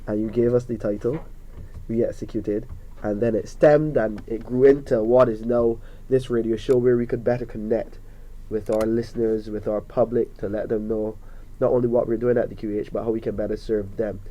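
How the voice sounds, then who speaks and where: A man's voice: lowish voice, steady tone, moderate pace, mellow, poor audio. A man hosting a hospital radio talk show, greeting listeners and introducing guests in an upbeat way.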